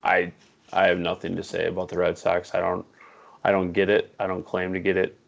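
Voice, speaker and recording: A man with a very deep, gravelly voice talks sports in casual podcast chat. He is blunt and opinionated and reacts quickly. The recording sounds dull and lo-fi. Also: monotone. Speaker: podcast co-host.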